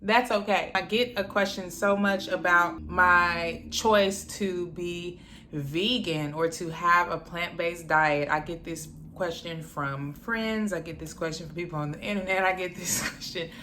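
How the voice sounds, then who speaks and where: A young woman talks straight to camera in a casual vlog, her voice bright and forceful while sitting on a lowish pitch. She is playful and animated and jumps between teasing asides. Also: a little slow, a little hiss or hum. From Dallas, Texas, USA. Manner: playful and animated, slips into quoted voices and laughs. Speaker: vlogger.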